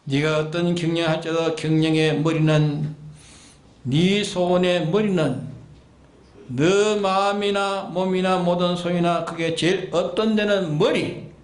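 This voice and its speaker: A man's voice: high-pitched, fairly even intonation, measured pace, reverberant. A man preaching a sermon as pastor, exhorting his listeners with repeated commands and pointed rhetorical questions. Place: church sanctuary.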